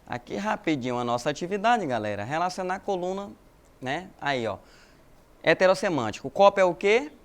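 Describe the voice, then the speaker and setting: In a recorded lesson, a Brazilian Spanish teacher speaks high-pitched, very animated, and a little fast. He explains things patiently, refers to his students as "galerinha," and sprinkles in lots of friendly "né" tags.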